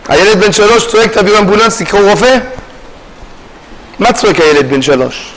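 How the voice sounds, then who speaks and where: A man's voice: high voice, animated, poor audio. A man giving a sermon as a rabbi, telling stories and calling out to his listeners. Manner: storytelling, calls out to listeners. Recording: loud background noise.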